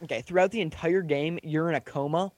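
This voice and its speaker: A man's voice: fairly high pitch, a little fast, a crowd in the background. A young man hosting a casual gaming podcast, steering the talk and reading out news items.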